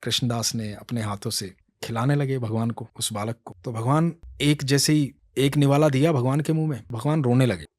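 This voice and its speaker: A man narrating a devotional story in an expressive way, acting out the dialogue. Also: mid-range voice, moderate pace, hardly any pauses, no echo.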